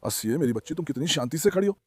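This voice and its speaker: A man's voice: on the high side, expressive, rapid-fire, darkish tone, husky, no room sound, clean studio sound. A man hosting a farm vlog outdoors, greeting viewers and talking fondly to his animals as if they were his children. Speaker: farm vlogger. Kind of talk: casual vlog narration.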